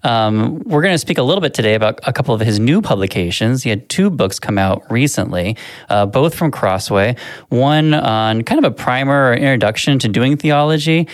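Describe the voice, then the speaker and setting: A man's voice: mid-range voice, lively intonation, fairly quick, no room sound. A man from Southern California co-hosting a podcast in casual chat, playful and joking, with lots of fillers. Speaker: podcast co-host.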